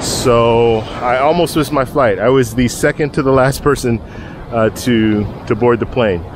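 A man's voice: medium pitch, measured pace, noisy background. A middle-aged man vlogging about travel in a casual, rambling way, filming himself at arm's length on an outdoor beach. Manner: chatty, rambling with many restarts. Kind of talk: casual selfie vlog. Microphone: phone camera at arm's length.

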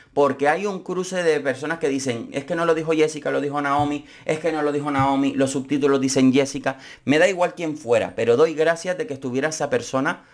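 A man giving chatty, opinionated commentary on a reality show. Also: mid-range voice. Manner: chatty, opinionated, frequent restarts. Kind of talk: casual commentary vlog.

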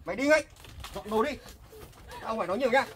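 A man's voice: very high voice, lively intonation, fast, background noise. A man playing a harsh, impatient landlord who barks rude orders and scolds his tenant in a staged home drama. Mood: angry.

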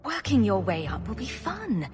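An actress playing a sarcastic, confident adventurer heroine in a video game, with a dry, teasing manner. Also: female voice, medium pitch, big pitch swings, moderate pace, music in the background, natural voice. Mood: wry, teasing.

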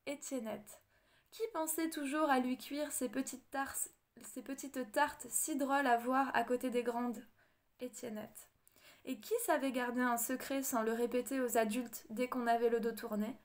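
A woman narrates a storybook audiobook in a measured, expressive read-aloud manner. Her voice sits high for a woman. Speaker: audiobook reader.

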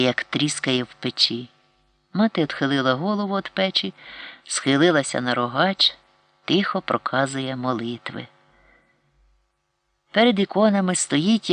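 A man narrating a literary audiobook in a measured, expressive storytelling manner. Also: medium pitch, creaky, no room sound.

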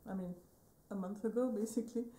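In her home studio with wooden shelves, a painting vlogger in her thirties from Switzerland chats casually about her work in a tutorial style. She talks fast in a mid-range voice, relaxed and rambling with many fillers and small self-corrections, recorded by a phone camera at desk distance.

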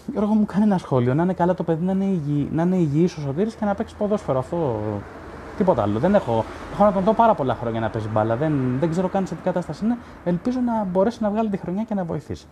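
A sports journalist on a live stream speaks in a warm voice on the high side. He reads comments from viewers aloud and pushes back on them bluntly, his casual talk packed with fillers and restarts.

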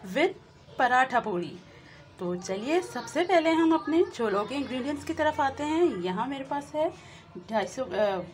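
A high-pitched woman runs a cooking channel from her home kitchen, explaining a recipe step by step and chatting directly with viewers in a friendly way, with some English words mixed in. Frying and sizzling from the pan fill the noisy phone recording.

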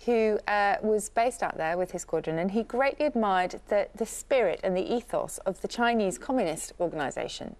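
A woman explaining the origins of words on a quiz show, chatty, with hesitant fillers. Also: medium pitch. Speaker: word expert on a quiz show.

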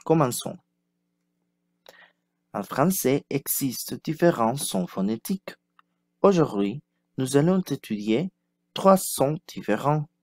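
A man teaching pronunciation who models each sound and word slowly and clearly so learners can repeat after him. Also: mid-range voice, sing-song, a little mellow, no echo, studio quality. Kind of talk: slow, carefully enunciated pronunciation lesson.

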